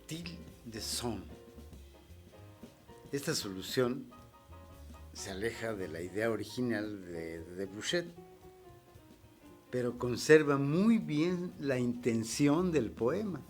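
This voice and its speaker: A man's voice: medium pitch, expressive, slow pace, pauses often, faint music behind. A middle-aged man hosting a poetry program, talking in a reflective, hesitant way with many repeated words and fillers. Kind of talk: slow, reflective talk on poetry.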